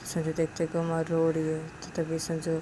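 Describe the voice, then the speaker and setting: A woman's voice: sits low, completely flat delivery, moderate pace, background noise. A woman storyteller narrating a spoken love story in a plain retelling, often linking scenes with "so then".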